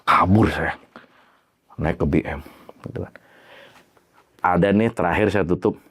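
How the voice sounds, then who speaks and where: A man telling his own horror story in a casual, slangy way. He swears freely and acts out the bangs and creaks he heard. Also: sits low, a little slow. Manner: animated, imitates sounds like bangs and creaks.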